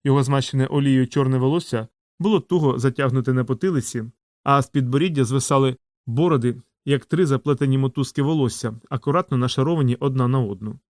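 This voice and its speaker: A man reading a fantasy novel aloud in measured, steady audiobook narration. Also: mid-range voice, dry recording, clean studio sound.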